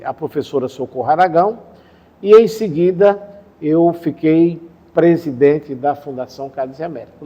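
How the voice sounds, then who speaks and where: An older man from the Sertão of Paraíba in Brazil, calmly recalling his career in an interview, pausing to correct names and dates. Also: on the high side, muffled recording. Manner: unhurried, recounts dates and names, self-correcting. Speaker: interviewee, retired professor and former education official. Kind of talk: reminiscing interview answer.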